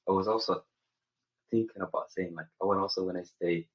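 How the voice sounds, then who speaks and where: A young man from Somaliland, a college senior, answering interview questions earnestly and often pausing to search for words. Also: deep voice, steady tone, dull audio. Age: young adult.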